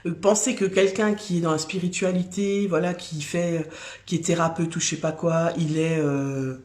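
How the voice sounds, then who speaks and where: A woman's voice: on the low side, steady tone, normal speed, a little mellow. A woman who has children, reading tarot cards on a live stream in a chatty, casual way, with many fillers and restarts. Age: adult with children. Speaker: tarot card reader.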